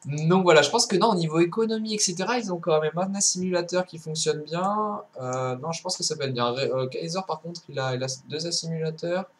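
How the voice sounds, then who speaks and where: A man's voice: on the high side, brisk, few pauses. Rambling young man commenting a game. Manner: rambling, many fillers and restarts, swears casually. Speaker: gameplay commentator.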